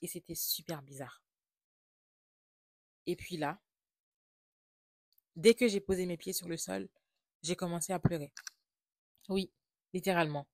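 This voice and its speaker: A woman's voice: lowish voice, a little slow, vocal fry, long pauses, dry recording, clean studio sound. A woman from Haiti with a French accent, telling a personal travel story in a confiding, reflective way. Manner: confiding, reflective, softly spoken. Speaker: vlogger.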